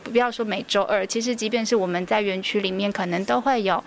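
A woman's voice: medium pitch, steady tone, fast, a little hiss or hum. A woman with a Taiwanese Mandarin accent, a preschool teacher guest on a radio interview, telling stories earnestly with many fillers.

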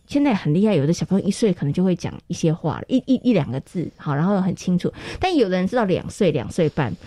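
A woman's voice: on the low side, very animated, dark tone, no echo. A woman hosting an educational radio show from a studio, chatty, stretching out her sentence particles. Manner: chatty, drawn-out particles, eager questions. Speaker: radio host.

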